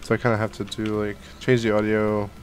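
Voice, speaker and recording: A young man who is catching a cold hosts a gaming channel, rambling through casual Minecraft let's play commentary from his home gaming room, full of fillers and restarts. Using a headset and a desk studio mic, he talks a little fast in a lowish, monotone voice.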